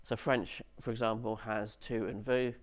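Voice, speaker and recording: A man's voice: lowish voice, little pitch movement, normal speed. A man giving a conference talk to developers, with dry, sarcastic humour and questions to the audience, on stage in a conference hall. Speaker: conference speaker.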